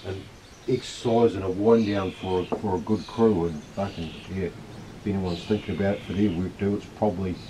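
A man, chatting casually in a small hut. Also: low voice. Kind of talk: casual chat. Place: small hunting hut, indoors. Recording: slightly noisy camera audio.

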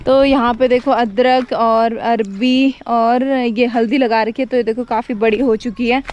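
A woman's voice: a little high, fairly even intonation, measured pace, a little mellow, highs cut off. A young woman walking through farm fields, chatting casually to viewers on a phone camera and pointing out the crops. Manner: chatty, shows things to viewers. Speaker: vlogger. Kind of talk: casual farm vlog narration.

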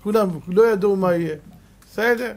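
A middle-aged man, a rabbi giving a Torah lesson to a live audience, animated, full of rhetorical questions, moving between loud exclamations and hushed tones. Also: sits high. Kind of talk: sermon.

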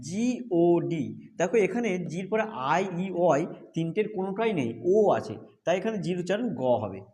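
A man from Bengal patiently explains a phonics lesson, stepping through English pronunciation rules and repeating each one. The voice is a little high and a little mellow.

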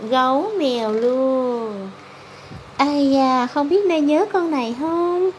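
High-voiced southern Vietnamese mother reading to a toddler. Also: takes it slowly. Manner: encouraging, prompting with questions and confirmations. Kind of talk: reading an animal picture book to a toddler, quizzing. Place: hard-tiled room at home. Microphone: handheld phone camera. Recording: noisy handheld home phone video.

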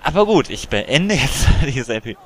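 A man giving casual let's play commentary, excitable and chatty as he banters with other players. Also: medium pitch, unhurried, a little hiss or hum.

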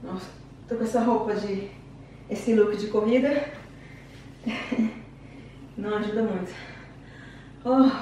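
A woman with a Brazilian Portuguese accent coaches a home workout, chatty and encouraging as she counts down reps while out of breath. Her medium-pitched voice has a darkish tone, and the room recording is very echoey, with a distant mic and faint noise.

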